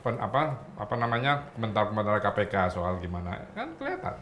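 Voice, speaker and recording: Talk-show guest: a man, animated, with a wide pitch range. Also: fast, a little hiss or hum. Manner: animated, acts out quoted speech. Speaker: guest commentator. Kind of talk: casual talk-show chat.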